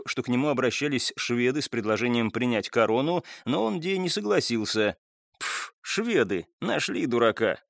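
Brief: male narrator, mid pitch, wry conversational asides, dry close-miked studio sound. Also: dry recording. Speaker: audiobook narrator. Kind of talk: scripted narration of a historical novel.

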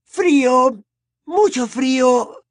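A man putting on a hoarse, trembling teenage bully who has been badly frightened, stumbling and stammering. The voice sits far above the reader's own and crawls along slowly, recorded dry and close. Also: extremely high pitch, expressive, dry recording, voice pushed up, full character voice. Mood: terrified. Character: spoiled hulking teen boy, shaken and scared.

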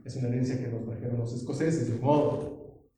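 A man preaching a sermon as a pastor, animated, with sudden loud emphasis. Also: medium pitch, brisk, far from the mic. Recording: very echoey hall, heard from afar with clear noise.

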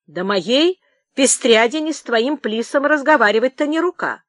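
Cheeky old tramp, slow and teasing, read by a woman. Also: sits high, animated, fairly bright tone, no echo, clean studio sound, pitched above the performer's own voice. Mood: sly. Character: old wandering man, sly, bold.

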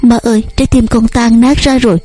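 A woman's voice: fairly high pitch, flat delivery, brisk, warm tone, close to an everyday voice. Woman voicing a tearful frightened young daughter. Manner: pleading, sobbing.

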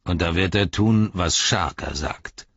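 A man voicing a large brutish human ruffian who mocks and threatens in a husky voice. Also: deep voice, unhurried, a bit bright, no room sound, dull audio, heavily acted. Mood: menacing. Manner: menacing, mocking.

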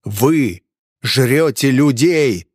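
A stern, grim hunter speaks in a low, controlled voice that stays calm and menacing, as a male audiobook narrator puts him on. The sound is dry and close, with no room around it. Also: a little slow, no echo, natural voice. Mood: cold.

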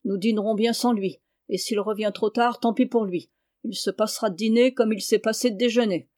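A woman's voice: mid-range voice, steady tone, fairly quick, darkish tone, natural voice. A woman reading the part of a stern, harsh peasant father who scolds and mocks his sons. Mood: scolding. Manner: gruff, scolding, mocking.

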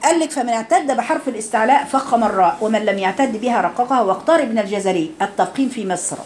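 A high-pitched woman with an Egyptian accent leads a recitation lesson in a classroom. She fires questions at her students and sounds out words slowly for them to repeat. A steady murmur of a crowded room runs underneath her voice. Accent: Egyptian Arabic. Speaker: Quran recitation teacher. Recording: crowd noise behind.

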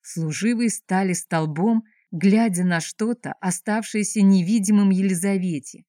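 A woman reading a novel aloud as narrator, in a measured, expressive way. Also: mid-range voice, dry recording, clean studio sound. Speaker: audiobook narrator. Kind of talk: scripted narration.

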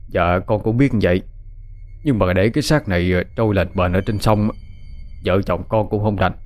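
A man's voice: low-pitched, normal speed, a little mellow, soft background music, natural voice. A man with a Southern Vietnamese accent voicing a kind middle-aged village husband, speaking humbly and earnestly with hesitant fillers.

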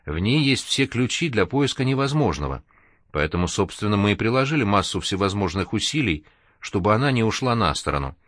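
A man's voice: on the low side, very animated, fairly quick, fairly bright tone, no room sound, clean studio sound. A man reading an audiobook, voicing a caring young woman who encourages a friend in a soothing manner. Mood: encouraging.

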